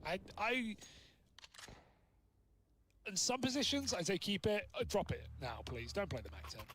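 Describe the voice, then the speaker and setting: A man hosting an esports watch party, chatting quickly and analytically about the match. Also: sits high, sing-song, a bit bright, slight background noise. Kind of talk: casual esports commentary. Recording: stream audio with crowd behind.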